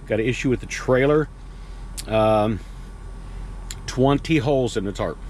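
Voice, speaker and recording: A middle-aged truck driver in his fifties records a casual, rambling vlog with many fillers, sitting in his cab at night after time outdoors at a loading yard. He has a mid-range voice, and there's a little hiss or hum.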